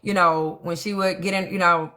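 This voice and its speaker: A middle-aged woman holds court on her live stream. She is blunt and profane, keeps a bright, forceful tone, and greets viewers by name between points. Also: lowish voice, fairly even intonation, moderate pace. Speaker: livestream host. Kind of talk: casual live-stream rant to chat.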